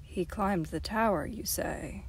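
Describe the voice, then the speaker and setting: A woman doing a stern bearded baron, low and measured. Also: creaky, darkish tone, a little hiss or hum. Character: stern bearded middle-aged male baron. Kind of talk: audiobook character voice.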